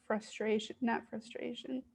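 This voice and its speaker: Woman, unhurried and soft, a bit of vocal fry; gentle self-reflection demo, halting pauses. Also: fairly high pitch, flat delivery. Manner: gentle, soothing, hesitant with pauses. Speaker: IFS parts work demonstrator. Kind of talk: reflective self-guided therapy demonstration.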